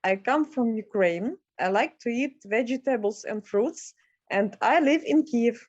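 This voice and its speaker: A woman with a slightly high voice answers slowly and carefully over a video call. The sound is dry and muffled, with no room around it. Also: animated, a little mellow, dry recording. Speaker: workshop participant.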